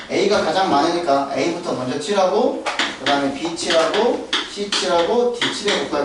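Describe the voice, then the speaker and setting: Guy math teacher quizzing his class, kinda high voice, far from the mic, loud noise around. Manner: questioning, coaxing students. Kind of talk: classroom lesson. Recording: far-off echoey noisy classroom.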